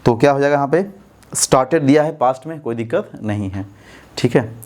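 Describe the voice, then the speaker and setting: Indian guy going through english test answers, keeps asking the class if its clear. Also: mid-range voice, fairly quick, a little mellow. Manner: explains step by step, asks students rhetorical checks. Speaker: English teacher. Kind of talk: exam-prep lesson explaining answers.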